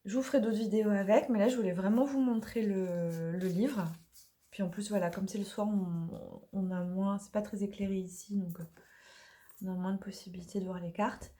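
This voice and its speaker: Hesitant French woman, mellow voice. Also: mid-range voice, fairly even intonation, normal speed. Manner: chatty, hesitant with many fillers. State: slightly hoarse from allergies. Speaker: oracle deck creator. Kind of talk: casual product presentation. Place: dim room in the evening.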